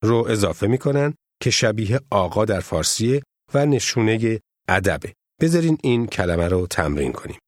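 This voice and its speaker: A man who is a native Persian speaker, narrating a scripted language course as the instructor, in a measured way with prompts to repeat. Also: lowish voice, very animated, dry recording, clean studio sound.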